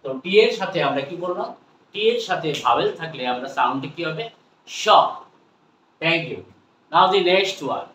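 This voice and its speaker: A Bangladeshi man teaches pronunciation at a slow, careful pace, saying each word over and over and checking in with his viewers. His voice sits a little high for a man. He sounds a bit far from the mic in a roomy space with a faint hiss. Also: expressive, fairly bright tone. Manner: slow, repetitive drilling with frequent questions to viewers. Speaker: spoken English teacher. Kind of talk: pronunciation lesson.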